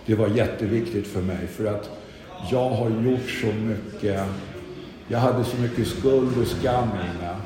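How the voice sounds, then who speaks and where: A man's voice: lowish voice, a crowd in the background. A middle-aged man tells his own recovery story in a candid, self-deprecating way. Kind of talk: personal testimony talk. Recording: echoey hall with audience.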